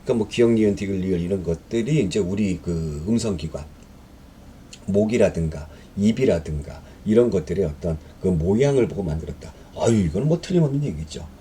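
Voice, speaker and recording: A man's voice: low-pitched, lively intonation, brisk, warm tone, slight background noise. A man teaching a history exam-prep lecture in a conversational way, reading questions aloud and explaining them with fillers and rhetorical questions.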